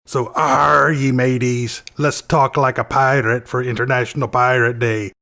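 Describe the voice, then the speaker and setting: A man's voice: medium pitch, flat delivery, unhurried, sharp tone. A man putting on a jolly Irish pirate. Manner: gruff pirate talk.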